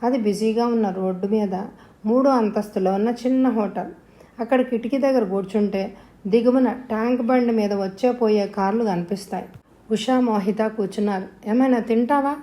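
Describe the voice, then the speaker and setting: A woman's voice: medium pitch, moderate pace, dark tone. A woman narrating an audio novel, voicing the dialogue with feeling. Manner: voices dialogue with rising emotion.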